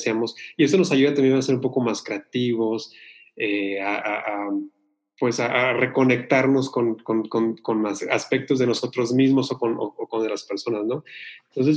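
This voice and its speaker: A man with a Mexican accent, a podcast guest talking casually and hesitantly, with many fillers. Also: mid-range voice.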